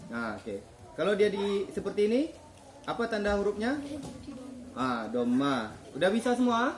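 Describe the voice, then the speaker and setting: A man's voice: sits high, expressive, fairly quick, a little hiss or hum. A man teaching children to read the Quran in a classroom, patiently quizzing them and praising their answers. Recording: echoey classroom.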